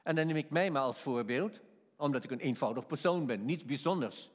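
A man preaching a sermon and telling a personal story, swinging from quiet asides to emphatic peaks. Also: on the high side, a little fast. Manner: animated, rising to emphatic peaks. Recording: long hall reverb.

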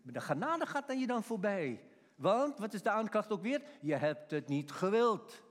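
A man's voice: high-pitched, big pitch swings, moderate pace. A middle-aged man preaching a sermon in a folksy, emphatic way. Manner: emphatic, folksy, acts out shouted quotes. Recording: long hall reverb.

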